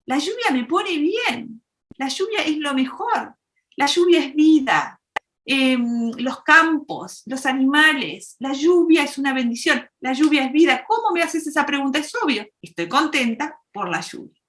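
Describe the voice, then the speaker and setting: A woman's voice: fairly low pitch, huge pitch swings, moderate pace, few pauses, sharp tone, pitched below the performer's own voice, exaggerated voice. A woman voicing a cheerful woman who is delighted by the rain, gushing emphatically. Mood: elated.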